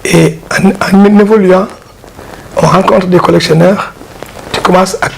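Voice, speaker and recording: High, gravelly man, halting talk. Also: fairly even intonation. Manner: halting, repeats words while explaining. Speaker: art dealer and collector. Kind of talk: casual explanatory interview. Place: exhibition hall with his collection. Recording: noisy background hiss.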